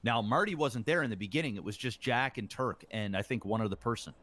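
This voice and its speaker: A man's voice: mid-range voice, quick pace, fairly bright tone, dry recording. Rambling man retelling a story. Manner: rambling retelling, full of ums and uhs, acts out quoted lines. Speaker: roleplay gang member. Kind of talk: in-character roleplay storytelling.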